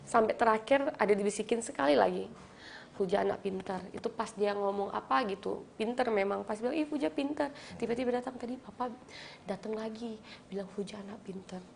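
A woman in her thirties, a talk show guest, telling a personal story in a soft, reflective way. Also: mid-range voice, fairly even intonation, brisk, creaky, a little hiss or hum. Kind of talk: casual chat.

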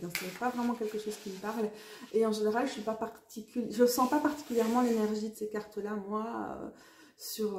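A French woman talks casually to her viewers, chatty and quick to poke fun at herself. Her voice is mellow and dark. The sound is roomy, with a clear echo around her. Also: mid-range voice, a little hiss or hum. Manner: chatty, self-mocking, laughs often. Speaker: tarot vlogger. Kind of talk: casual talk to camera. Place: outdoors near a garden with birds.

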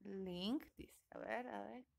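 A woman's voice: mid-range voice, slow pace, gravelly, darkish tone. A woman teaching an online class, patiently prompting her students and coaxing them to answer. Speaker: English teacher.

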